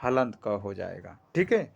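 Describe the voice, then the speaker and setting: A man's voice: on the low side, big pitch swings, creaky, husky. A man teaching a grammar lesson, explaining step by step, often checking in with "theek hai" and stretching vowels to demonstrate sounds. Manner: explains slowly with frequent "ठीक है" checks.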